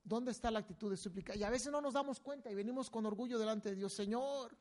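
A man preaching a sermon in an animated way, with sudden loud, emphatic bursts. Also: high-pitched, fast.

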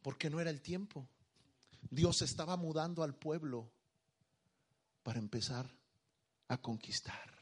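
A man preaching a sermon to a congregation, moving between quiet, intimate speech and loud emphatic declarations as he leads call-and-response. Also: fairly high pitch, measured pace, long pauses, breathy edge.

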